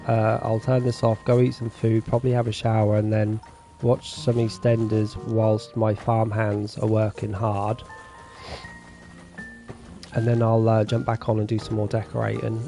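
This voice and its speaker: This farming-game streamer has a lowish voice with vocal fry. He keeps things relaxed and talkative with his audience while he plays, reading their messages aloud as they come in.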